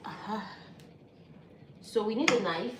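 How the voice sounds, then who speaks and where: A woman from Nigeria, Yoruba her first language, chats slowly and easily with her viewers while she cooks at home. She suffers from an allergy, and her voice rings around an echoey kitchen. Steady noise sits clearly behind her. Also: mid-range voice. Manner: chatty, easygoing, thinking aloud. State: pollen allergy, sneezing. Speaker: vlogger. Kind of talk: casual cooking vlog chat with live viewers.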